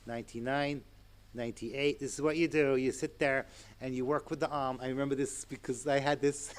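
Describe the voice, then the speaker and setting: A man in his sixties giving a Torah lecture to an audience, animated and chatty, with asides and chuckles. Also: mid-range voice, brisk, smooth. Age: 60s. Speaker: rabbi and lecturer.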